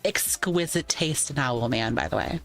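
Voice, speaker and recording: A woman's voice: a bass voice, expressive, moderate pace, over loud music. Playful rambling woman streamer. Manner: rambling, playful, trails off and restarts; thanks viewers for tips between tangents. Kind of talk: casual livestream chat.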